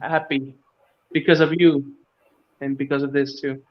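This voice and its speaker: A Cuban man hosts a casual livestream in a mid-range voice, his delivery flat and unhurried. He rambles, jokes and chuckles as he chats. The stream audio is dull and lo-fi.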